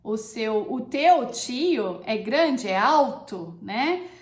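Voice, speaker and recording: A woman's voice: fairly high pitch, expressive. Woman teaching French in an echoey room. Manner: slow, careful modeling of French words between quick explanations. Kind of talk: online language lesson.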